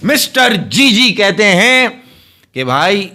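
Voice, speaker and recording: Playful Pakistani man, somewhat high voice. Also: very animated, slow pace, pushed and bright. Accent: Pakistani Urdu. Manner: playful, teasing, laughs easily. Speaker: cricket panelist. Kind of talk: casual cricket chat.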